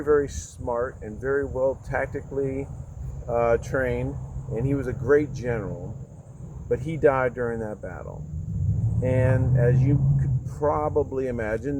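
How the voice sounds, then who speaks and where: A man's voice: mid-range voice, a little mellow, slight background noise, poor audio. A man presenting and explaining to viewers in a folksy, direct way with rhetorical questions, speaking outdoors. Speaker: presenter of a local information show. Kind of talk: semi-scripted explanatory presentation. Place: outdoors at an open field.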